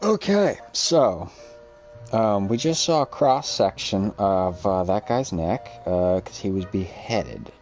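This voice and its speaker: Slow, rambling low-voiced male gamer. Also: lively intonation, a little mellow, soft background music. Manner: rambling, full of ums and uhs. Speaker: gameplay commentator. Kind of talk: casual let's-play commentary.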